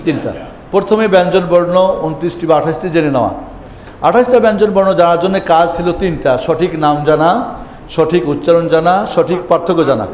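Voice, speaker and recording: A man's voice: on the high side, moderate pace, darkish tone, muffled recording. A man teaching Quran reading as a classroom lesson, who asks his own questions and answers them and repeats the key words. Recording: echoey hall with faint ambience.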